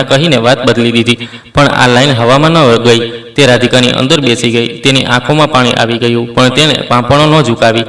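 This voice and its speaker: Steady male storyteller, flat and even. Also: medium pitch. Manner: steady, measured. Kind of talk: scripted story narration. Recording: roomy, distant mic.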